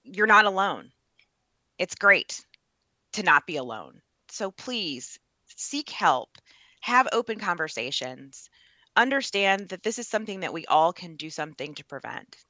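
A woman's voice: lowish voice, very animated, unhurried, pushed and bright, no echo. A woman guest in an interview, speaking in an earnest, emphatic and upbeat way. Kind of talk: casual interview.

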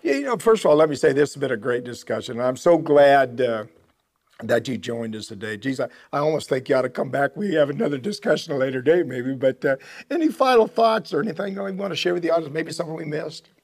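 Older man host with a gravelly voice. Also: fairly high pitch, lively intonation. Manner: halting, repeats words, warm thanks. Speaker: podcast host. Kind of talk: casual interview.

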